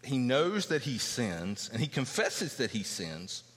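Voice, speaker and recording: Reading passages and then explaining them, a pastor gives an expository sermon in a church hall at a slightly slow, sing-song pace. His bright, forceful voice carries a long reverb tail and climbs in pitch as he hammers home his points.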